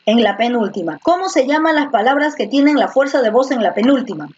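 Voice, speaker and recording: A woman teaching an online video class speaks brisk and animated, her voice a little high and a little mellow. She patiently repeats words and quizzes her students, picked up by a computer microphone in slightly muffled lo-fi audio.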